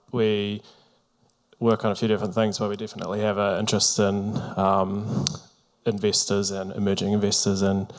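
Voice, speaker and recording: Measured man, low flat voice. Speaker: government policy advisor. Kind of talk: self-introduction at a panel.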